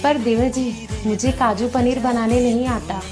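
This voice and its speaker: A woman's voice: fairly high pitch, fairly even intonation, measured pace, pitched above the performer's own voice, close to an everyday voice. A woman voicing a timid young sister-in-law who obligingly agrees to everything. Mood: meek. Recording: music playing behind.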